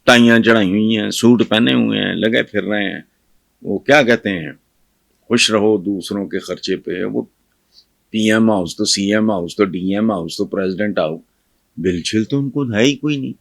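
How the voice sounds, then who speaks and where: Gravelly, scornful older male commentator. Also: fairly low pitch, no echo. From Pakistan. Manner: scornful and scolding, with bursts of loud mockery. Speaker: political commentator. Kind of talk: fiery political commentary to camera.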